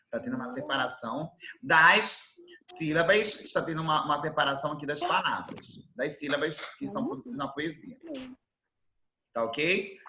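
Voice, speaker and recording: A man from Brazil teaching an online class, explaining things slowly and repeating his definitions. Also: a little high, bright, forceful tone, slight background noise. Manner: slow, didactic, repeats definitions. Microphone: computer mic on video call.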